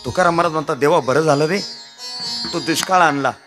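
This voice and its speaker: A man's voice: on the high side, quick pace, music in the background. A man with a Marathi accent preaching a devotional kirtan, telling stories, joking with the crowd and calling on listeners to answer back. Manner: calls out to the audience and has them answer back; addresses listeners as maharaj, jokes with the crowd. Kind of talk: devotional storytelling sermon.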